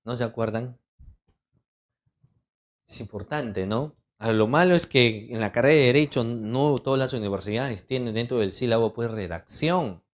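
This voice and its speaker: A middle-aged man leads a writing workshop for lawyers at an average pitch. He reads out lists of terms in a steady, measured cadence. He often stops to check in with his students through rhetorical questions. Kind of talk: online legal writing lesson.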